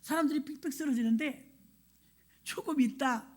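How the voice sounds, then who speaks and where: In a church sanctuary, a woman pastor gives a sermon built around a personal story, animatedly acting out scenes and quoting her own thoughts. Her voice is high-pitched, at a moderate pace.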